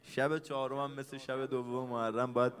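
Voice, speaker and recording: A man's voice: mid-range voice, little pitch movement. A man leading a religious mourning gathering, chanting a sung lament and telling the story in spoken passages between verses, pleading with his listeners to cry out. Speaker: mourning eulogist.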